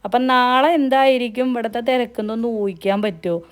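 A travel vlogger from Kerala, India, narrates a casual, chatty vlog in Malayalam with a Kerala accent, mixing in English words. Her voice is a little high and her pace quick.

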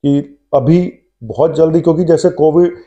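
A middle-aged man, a doctor, talking to the camera from his clinic about a case on a lapel mic, measured and thinking aloud with "uh" pauses. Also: on the high side, fairly even intonation, mellow, highs cut off. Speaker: doctor hosting his own health channel. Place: indoor clinic room. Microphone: lapel mic, seated facing the camera.

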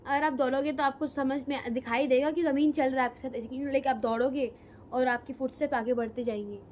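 A teenage girl casually telling a horror story, animated and quick, mixing in English words, recorded on a phone in a room at home. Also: sits high, highs cut off, slight background noise. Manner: animated, fast, mixes Hindi with English. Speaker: co-host storyteller. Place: indoor room, on a sofa.

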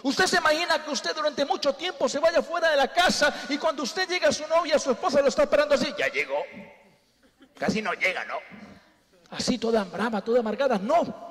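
A man's voice: extremely high pitch, a bit bright. A man preaching a humorous sermon, telling jokey stories and calling the congregation his brothers. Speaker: comedian preaching at church. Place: church sanctuary. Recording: long church hall reverb.

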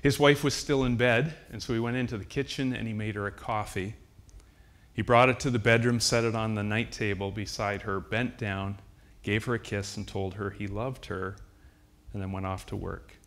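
A man, preaching a sermon as a pastor and telling a personal story in an earnest, heartfelt way with slow, emphatic repetitions. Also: lowish voice, steady tone, a bit bright. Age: 60s.

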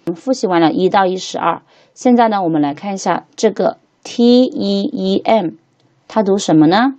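A woman teaching English to beginners, patiently repeating each word slowly three times as she walks through a textbook lesson. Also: mid-range voice, animated, a little mellow.

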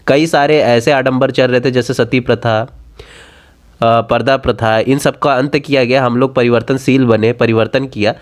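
A man teaching an exam-prep lesson in a casual way, repeating key points and asking the viewer quiz questions. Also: medium pitch.

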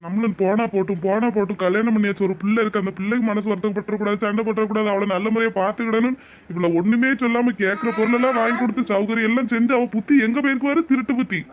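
A man playing an aggrieved young cartoon husband, who piles up rhetorical questions. His voice sits very high and he talks fast. The audio is dull and lo-fi. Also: fairly even intonation, a little hiss or hum, close to an everyday voice. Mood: resentful. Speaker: cartoon voice actor. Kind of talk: cartoon voice acting.

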